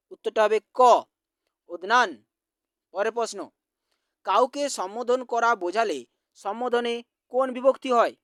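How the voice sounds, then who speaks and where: A teacher from West Bengal slowly reading out exam quiz answers, repeating each question. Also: medium pitch, no echo, clean studio sound.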